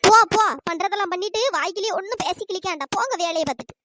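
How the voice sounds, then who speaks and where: Playing a village woman upset about overpaying a hotel bill, she delivers a fast, squeaky wail that laments and scolds by turns. The pitch-shifted voice is sharp-tongued and complaining, a piece of cartoon storytelling voice acting.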